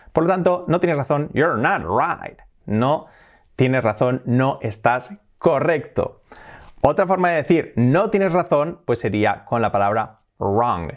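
A man from Spain teaching English in a video lesson, explaining in Spanish and saying the English phrases slowly and clearly. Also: medium pitch.

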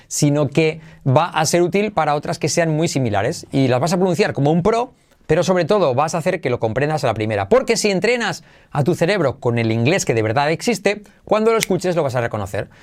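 Upbeat higher-pitched male English teacher. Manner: lively, drills phrases with slow repetition. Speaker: English teacher, channel host. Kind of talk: energetic video lesson.

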